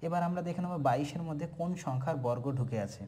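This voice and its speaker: A man teaching a maths shortcut, counting through sums aloud in steady lists and answering his own questions. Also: a little high, quick pace. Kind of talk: step-by-step maths lesson.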